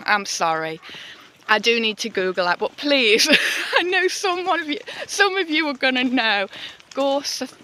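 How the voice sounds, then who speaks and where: A chatty woman talks to the camera outdoors on a soggy mountain trail, unhurried and fond of a laugh at herself. Her voice sits a little high and comes across bright and forward, with faint open-air sound behind her. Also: expressive, a little hiss or hum. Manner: chatty, self-deprecating, laughs often. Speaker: vlogger. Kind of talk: casual solo hiking vlog. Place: outdoors on a wet mountain path.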